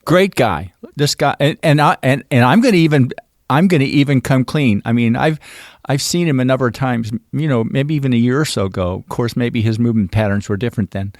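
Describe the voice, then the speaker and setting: A man's voice: mid-range voice, brisk. A man hosts an interview and agrees eagerly with his guest. He has a mid-range voice, recorded dry with no room echo. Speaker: podcast host. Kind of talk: interview conversation.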